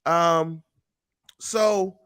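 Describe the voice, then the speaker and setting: Bright-voiced man hosting podcast. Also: a little high, steady tone, drawn-out words, clear, resonant tone, dry recording, studio quality. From Pittsburgh. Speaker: podcast host. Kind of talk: casual sports podcast chat. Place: home room. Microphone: headset and studio mic on video call.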